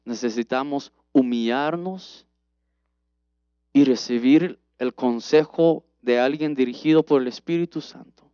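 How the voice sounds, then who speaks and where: A man preaching a personal testimony sermon in an earnest, halting way with many restarts. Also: medium pitch, mellow, dry recording. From United States. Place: church. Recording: dull, dry livestream audio.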